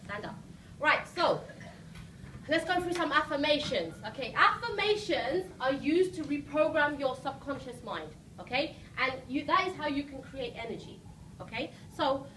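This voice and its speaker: Woman motivational coach, emphatic n rousing, high voice, echoey noisy seminar recording. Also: big pitch swings, moderate pace, fairly bright tone. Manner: rousing, emphatic, checks in with short questions. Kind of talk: motivational seminar speech to a live audience. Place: live seminar room with audience. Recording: roomy echo, distant mic, noisy background.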